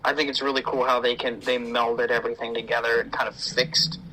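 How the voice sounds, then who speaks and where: A man in his twenties co-hosting a casual podcast chat, laid-back and quick to laugh. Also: mid-range voice, little pitch movement, bright, forceful tone, a little hiss or hum, low-quality recording. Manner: laid-back, laughs easily, says "dude". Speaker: podcast co-host.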